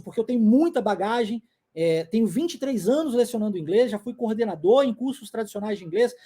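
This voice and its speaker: A man's voice: very high voice, warm tone. Emphatic Brazilian man teaching English. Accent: Brazilian Portuguese. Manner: emphatic and insistent, repeats English phrases in drills. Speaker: English teacher and language school founder. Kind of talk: video lesson lecture.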